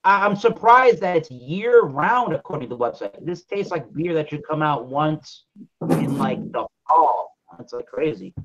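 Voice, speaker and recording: A New man hosts a beer review show over a live video call and tells stories with lively, profane humor. His voice sits a little high, and the call audio is dull and lo-fi. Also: measured pace. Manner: animated, profane, jokey.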